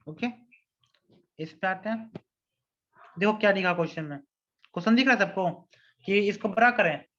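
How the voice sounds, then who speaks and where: A man's voice: high-pitched, a bit bright. A man teaching a physics lesson online. He explains step by step and often asks whether everyone follows. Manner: reads English question text slowly. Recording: dull lo-fi recording.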